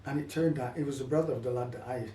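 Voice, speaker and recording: An older man with a medium-pitched, dark-toned voice talks at a racing pace, sharing personal stories in an interview with a reflective, slightly hesitant manner. Originally from the Caribbean, he moved to England as a child. The mic sits at a distance in an echoey room, with faint noise.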